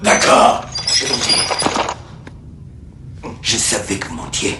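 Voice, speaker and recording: An actor dubbing a cold Soviet officer who interrogates a prisoner, speaking French with a Russian accent, slow and menacing. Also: male voice, fairly low pitch, sing-song. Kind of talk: French film dub. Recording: roomy film clip with loud background noise.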